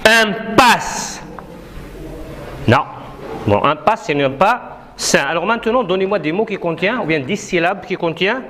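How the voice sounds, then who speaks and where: A woman's voice: lowish voice, expressive, fairly quick, noisy background. A woman teaching a classroom reading lesson, patiently drilling syllables and correcting young pupils. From Morocco. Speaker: primary school teacher.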